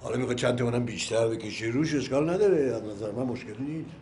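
An actor playing a calm, determined older man buying a property. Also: medium pitch, slight background noise, natural voice. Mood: firm. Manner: firm and measured.

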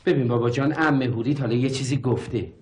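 A man's voice: mid-range voice, darkish tone, natural voice. An actor playing an irritable, skeptical middle-aged professor and father, exasperated and dismissive in a sitcom. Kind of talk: TV sitcom acting.

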